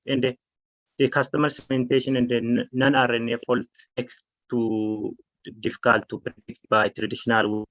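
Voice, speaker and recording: A man from Ethiopia giving a technical presentation of his solution, halting with fillers and restarts. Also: medium pitch, a bit bright, no room sound. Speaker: challenge presenter. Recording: dull lo-fi call audio.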